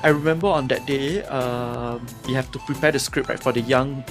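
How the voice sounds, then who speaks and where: A man in a relaxed podcast conversation, thinking aloud about his own creative work. He speaks reflectively, leans on fillers and restarts, and keeps a middle pitch. Faint music runs underneath. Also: moderate pace. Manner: reflective, searching for words with many fillers. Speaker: podcast co-host, playwright.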